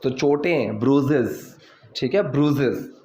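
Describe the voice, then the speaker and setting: A man teaching English, quickly explaining things and then reading English lines slowly and deliberately. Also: medium pitch, darkish tone. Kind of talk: bilingual language lesson. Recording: roomy, slightly dull home recording.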